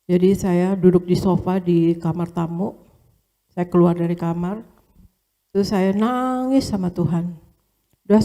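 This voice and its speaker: A woman's voice: lowish voice, dark tone. A woman, a pastor's wife, telling a conversational church testimony and often addressing her listeners directly. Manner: storytelling, often addressing listeners as brothers and sisters; casual colloquial speech with fillers and repetitions.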